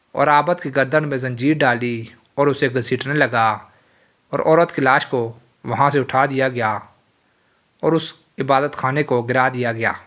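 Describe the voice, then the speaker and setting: A man narrating a religious moral tale in a solemn, steady storytelling voice. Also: medium pitch.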